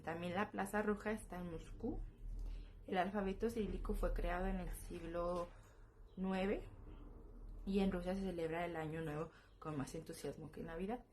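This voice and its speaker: A woman teaching a beginner language lesson. She explains slowly and repeats each word several times. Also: fairly low pitch, darkish tone. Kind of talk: practice lesson presentation. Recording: noisy home recording.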